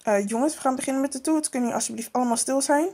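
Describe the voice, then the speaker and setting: A woman's voice: high voice, very fast, a little hiss or hum. Woman doing a firm schoolteacher. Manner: firm, pleading for quiet. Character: strict schoolteacher hushing her class. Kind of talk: toy-figure storytelling.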